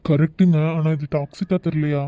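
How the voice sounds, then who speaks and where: A woman voicing a calm young man who talks softly and teases playfully in an amateur audio drama. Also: low-pitched, fairly quick, highs cut off, natural voice. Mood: gentle. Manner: gentle, soft-spoken, playfully teasing. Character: calm, teasing young man, a new friend.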